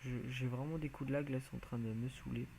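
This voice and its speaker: A man's voice: medium pitch, fairly even intonation, fast talker, creaky, warm tone, a little hiss or hum, low-quality recording. A man giving casual, rambling commentary as he plays a video game, hesitant and full of filler sounds. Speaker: video game let's player.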